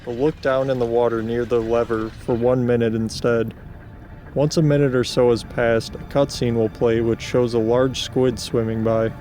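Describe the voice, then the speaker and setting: A man reading scripted video game narration in a deadpan manner, with casual asides. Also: medium pitch, normal speed.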